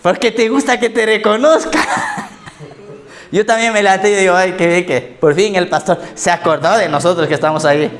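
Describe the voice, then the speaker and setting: Pastor guy preaching, tells funny stories on himself, a bit high voiced, soft music behind. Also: quick pace, few pauses. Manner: storytelling with self-mocking anecdotes and laughter. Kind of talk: sermon. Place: church service.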